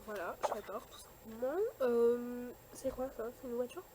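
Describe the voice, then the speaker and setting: A young woman chatting casually through a shopping haul, full of fillers and quick likes and dislikes. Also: fairly high pitch, fairly even intonation, noisy background. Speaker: vlogger showing a shopping haul. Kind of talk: casual chat.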